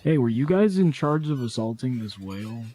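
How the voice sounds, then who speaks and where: Sarcastic man with a lively voice. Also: mid-range voice, moderate pace. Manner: dry, sarcastic remarks at the game. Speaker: streamer playing a game. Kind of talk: casual gameplay chat.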